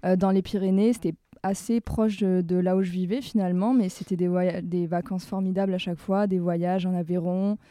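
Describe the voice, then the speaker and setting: Brief: female DJ guest, low-key and hesitant, dark warm voice, slightly low. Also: little pitch movement, brisk, few pauses, no echo. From Toulouse, France. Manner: hesitant, many fillers. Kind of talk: casual podcast chat.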